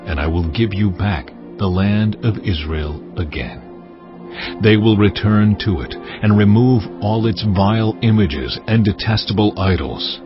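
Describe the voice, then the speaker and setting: An actor playing a solemn, commanding God who pronounces judgment gravely and deliberately in a dramatized audio Bible. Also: male voice, on the low side. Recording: muffled sound with music behind. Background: cinematic music.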